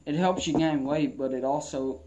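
A man's voice: a little high, moderate pace, background noise. Young guy talking with a lip full of dip. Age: young adult. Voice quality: muffled speech from a lip full of dipping tobacco. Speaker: vlogger. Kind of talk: casual rambling vlog chat. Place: mostly inside a wooden garage or shed with an open door. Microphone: camera at arm's length.

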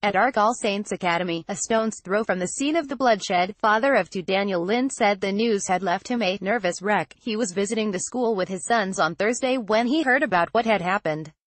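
Woman reading out a news story, flat steady delivery, dry sound no room. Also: medium pitch, normal speed, few pauses, dry recording. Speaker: news reader. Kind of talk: scripted news narration.

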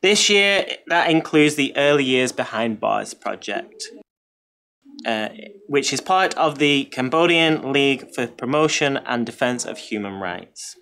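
A man's voice: medium pitch, expressive, unhurried, vocal fry, fairly bright tone. A man, producer of a community theatre show, making an eager appeal for donations.

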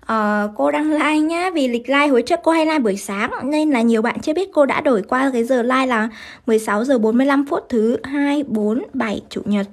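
A Vietnamese woman teaches English grammar live, her high voice moving briskly through the exercises. She keeps checking in with her audience as she works. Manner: brisk, keeps asking students to confirm. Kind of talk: live-streamed grammar lesson.

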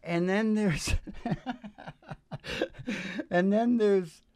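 On stage at a small live venue, a musician and host in his sixties talks between songs into a vocal mic on a stand, rambling and joking conversationally. His high-sitting voice is very slow, warm, clear and resonant, with no echo, and an acoustic guitar plays in the background.

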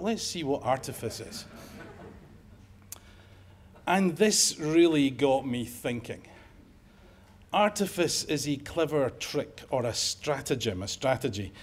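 His voice runs on the high side with a breathy edge. A middle-aged man from Scotland, he's an emergency medicine professor speaking with a Scottish accent at a conference in a lecture room, with the occasional wry joke.

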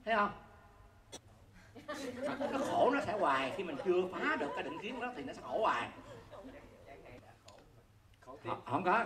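A mid-range voice belongs to a Buddhist teacher holding a conversational dharma talk, who keeps asking the audience whether they see the point and chuckles along the way. Faint background noise and a roomy echo mark the recording.

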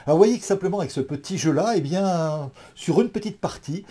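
Dark husky-voiced man lecturing. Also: high voice, lively intonation, a little fast. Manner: thoughtful, many hesitations and restarts. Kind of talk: explanatory talk to an audience.

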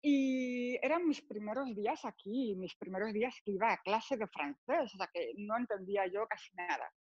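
A woman's voice: medium pitch, normal speed, no room sound, highs cut off. A woman from Spain with a Spanish accent, a radio presenter and Spanish teacher, chatting as an interview guest and acting out the people in her stories. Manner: animated storyteller, acts out dialogue, laughs often. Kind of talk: casual interview chat.

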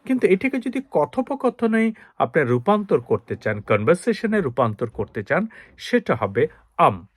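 Male English tutor, animated intonation, patient explainer, dry close recording. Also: on the high side, no room sound. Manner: explanatory, models English phrases slowly with stress. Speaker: English teacher. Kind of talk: spoken English lesson.

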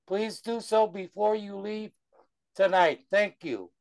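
A man's voice: high voice, takes it slowly, vocal fry. A man firmly giving organizational instructions at a club meeting. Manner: firm, instructive. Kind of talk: announcements.

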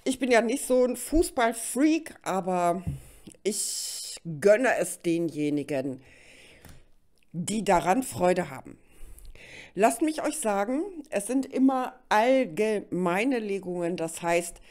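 A middle-aged woman, slightly under the weather with a cold, leads an informal tarot session at a card table inside, speaking right to the listener. Her mid-range voice is expressive, slow and a touch mellow.

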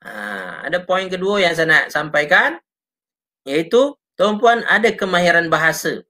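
A man's voice: high-pitched, animated, unhurried, pushed and bright. A man with a Malaysian Malay accent, an Islamic teacher giving a casual live lesson, chatty and often turning to his listeners with short tags. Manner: reads out and answers viewer comments.

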